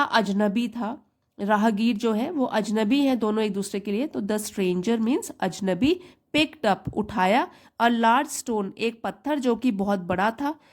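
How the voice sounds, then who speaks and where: Slow, patient woman teacher. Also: on the high side, darkish tone. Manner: reads English phrase by phrase, then explains it in Hindi. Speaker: English teacher. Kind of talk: slow bilingual reading lesson.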